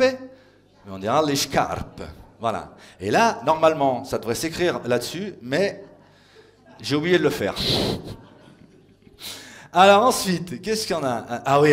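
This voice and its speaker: A man from France of Italian family doing stand-up on stage as a teasing mock teacher, full of playful asides. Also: medium pitch. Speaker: stand-up comedian. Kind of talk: comic mock language lecture on stage. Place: stage before a live audience.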